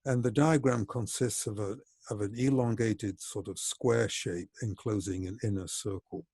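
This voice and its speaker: A man with a low voice gives a reflective lecture in a measured, explanatory way. His tone is husky and mellow. The sound is dry and close. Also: steady tone, dry recording. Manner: measured and explanatory, slowing for emphasis.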